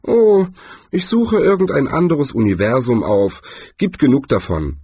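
A sardonic little shopkeeper with a high, bouncy voice, put on by a male narrator. He sounds breezy and unbothered, his tone hopping up and down, with a husky edge. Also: big pitch swings, measured pace, dry recording. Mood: wry.

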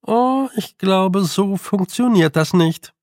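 A man's voice: sits high, slow pace, a little mellow, dry recording, studio quality, voice pushed up. A man voicing a polite, pedantic male toad who talks like a lawyer, in an audiobook. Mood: fussy. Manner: prim, apologetic, pedantic.

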